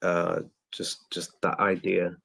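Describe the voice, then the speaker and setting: A man's voice: low voice, little pitch movement, slow, creaky, fairly bright tone, slightly rough. A man, a caller on a show, musing in casual chat with a tentative, meandering delivery.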